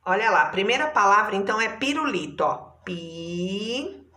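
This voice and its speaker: A woman's voice: medium pitch, very animated, fast, sharp tone, roomy sound. A woman teacher with a Brazilian Portuguese accent, patiently spelling words out syllable by syllable for her class. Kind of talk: online class lesson.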